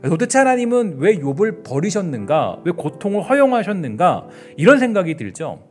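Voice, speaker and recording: A man's voice: high-pitched, very animated, normal speed, darkish tone, soft background music. A middle-aged man preaching a midweek sermon in a casual, conversational way, acting out scripture dialogue in everyday speech and restarting his phrases. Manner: frequent fillers and restarts. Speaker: pastor.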